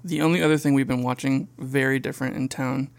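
A man co-hosting a podcast in a relaxed, casual chat, with lots of filler words and frequent laughter. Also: medium pitch, fast, creaky. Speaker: podcast co-host.

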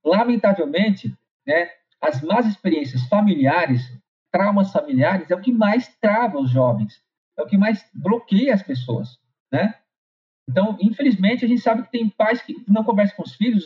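High-voiced São man giving encouragement. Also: lively intonation, moderate pace. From São Paulo, Brazil. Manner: conversational, repeats phrases and tags with "né". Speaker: motivational speaker. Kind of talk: motivational talk with personal anecdote. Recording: slightly dull lo-fi recording.

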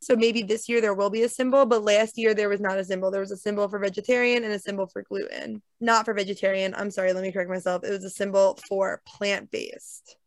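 A young woman co-hosting a casual chat, talking in a chatty, animated way and correcting herself as she goes. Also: mid-range voice, fast talker, few pauses, no room sound. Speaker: podcast co-host.

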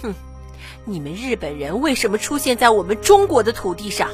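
A man's voice: high-pitched, big pitch swings, soft background music, voice pushed up. A man voicing a defiant captured woman commissar, speaking firmly and steadily in a storybook reading. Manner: firm, measured, unyielding.

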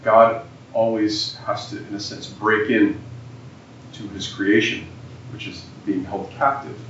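A man serving as priest, reading scripture and preaching at Mass in a slow, measured way, his voice ringing with cathedral echo in a large church. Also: on the low side, steady tone, fairly bright tone. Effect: cathedral echo around the voice. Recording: echoey church from far off, dull and noisy.

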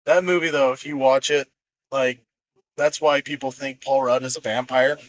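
A man's voice: medium pitch, fairly even intonation, moderate pace, muffled recording, slight background noise. A man hosting a podcast in casual chat, rambling with many fillers and acting out movie quotes. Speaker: podcast host.

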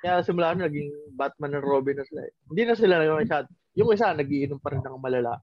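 A man's voice: on the high side, quick pace, no echo. A young man chatting casually on a podcast, rambling with fillers. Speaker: podcast co-host. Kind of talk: casual chat. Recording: dry muffled lo-fi audio.

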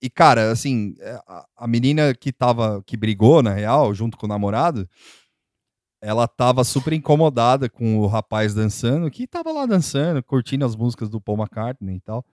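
A man's voice: medium pitch, lively intonation, normal speed, a little mellow, no echo, studio quality. A man telling a story in a casual chat, rambling with many fillers and frequent laughs.

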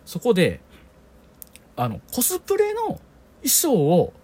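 A man in his thirties with a Kansai accent, chatting casually with his brother on a podcast as co-host, telling stories in an animated way and laughing often. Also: slow pace, husky. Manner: animated storyteller, laughs often, lively rising pitch.

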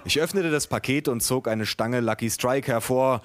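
Guy reading his funny novel, dry deadpan delivery, mid voice. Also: mid-range voice, moderate pace. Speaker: author.

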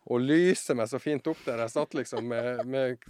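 A man telling a funny story as a podcast guest, acting out voices and shouting some lines. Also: medium pitch, clean tone. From southern Norway. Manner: animated anecdote-teller, acts out voices and shouts. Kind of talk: casual storytelling.

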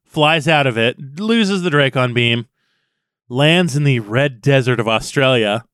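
A man's voice: medium pitch, lively intonation, unhurried, a bit bright, clean tone, dry recording. Joking, swearing man with a dry voice. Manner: joking, irreverent, swears freely. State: drinking beer while talking. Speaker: podcast co-host. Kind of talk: casual book discussion.

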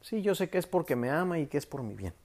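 A man voicing an anxious, submissive young wife who talks softly and pleadingly. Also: fairly high pitch, sing-song, fast talker. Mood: resigned.

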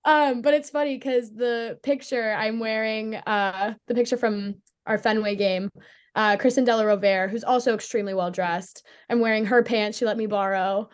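A woman's voice: a little high, fairly even intonation, moderate pace, clear, resonant tone. A young woman from Pittsburgh, a college hockey player, chatting as a guest in a casual interview with a bubbly manner and plenty of "like" fillers. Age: young adult.

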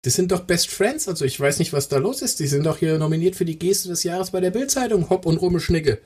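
Middle-aged guy with a husky, highish voice, telling stories casually and really lively. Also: quick pace. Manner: animated storyteller, blunt and colloquial, acts out quotes. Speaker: co-host of a football talk show. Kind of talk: casual chat with anecdotes.

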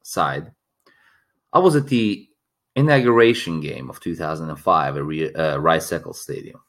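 A man with a deep, low voice co-hosts a casual podcast, chatting and telling stories with enthusiasm. His voice is still a little worn from yelling at a match days ago. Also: expressive, normal speed. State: recovering a lost voice. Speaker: podcast co-host. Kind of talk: casual chat.

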